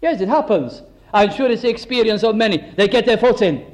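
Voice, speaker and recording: An older man preaching a sermon earnestly, slowing down to stress key phrases. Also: sits high, animated, low-quality recording.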